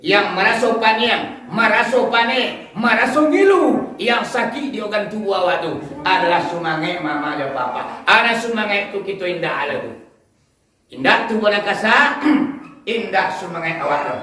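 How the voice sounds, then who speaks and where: Far-off echoey Minangkabau preacher man. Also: high voice. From West Sumatra, Indonesia. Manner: chanting dhikr, rising to shouts. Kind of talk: sermon. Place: village hall or mosque, live event. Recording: echoey hall sound from far off.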